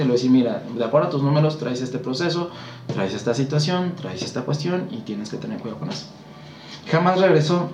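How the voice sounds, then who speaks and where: Fast-talking Mexican man, animated storyteller. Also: medium pitch. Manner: animated storyteller acting out quotes. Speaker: guest spiritual consultant. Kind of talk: casual chat. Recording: roomy echo, faint background ambience.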